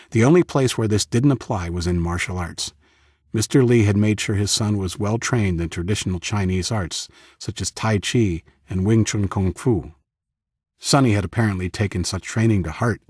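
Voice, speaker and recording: A man with a very low, husky voice reads an audiobook in first person. His delivery is steady and measured, close to the mic in a dry space. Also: dry recording. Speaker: audiobook narrator.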